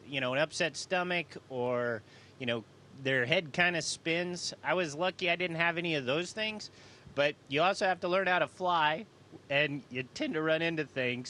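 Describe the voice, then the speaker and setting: A man's voice: on the high side, pushed and bright, slight background noise. A man speaking as an astronaut, answering students' questions in a casual, folksy and enthusiastic way.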